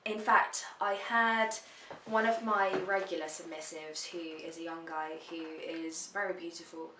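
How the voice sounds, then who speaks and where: Here the frank twenties vlogger speaks in a lowish, steady voice at a slightly slow pace, chatting through viewer questions and swearing without restraint. Background noise, room echo and some mic distance color the casual Q&A.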